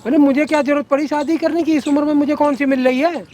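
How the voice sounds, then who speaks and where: A man's voice: very high voice, fairly even intonation, quick pace, darkish tone, slight background noise. A middle-aged actor playing a domineering widowed man who keeps ordering a young woman around, in a short-film drama. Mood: bossy. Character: coercive widowed older man, bossy.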